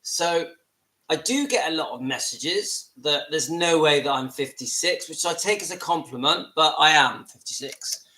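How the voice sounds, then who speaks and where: A man in his fifties with a West Country English accent chats to his viewers from home, earnest and a touch self-deprecating. His voice sits a little high and comes across bright and forceful. The room around him sounds roomy and echoey. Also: normal speed. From southwest England. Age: 50s. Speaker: vlogger. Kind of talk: casual live video talk. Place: at home, seated.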